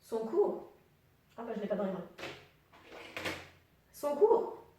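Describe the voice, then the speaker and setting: A woman teaching English pronunciation online, spelling out letter sounds slowly and patiently and putting questions to the viewer. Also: fairly high pitch, sing-song, warm tone, distant mic, a little hiss or hum. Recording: very echoey room, voice set back from the mic.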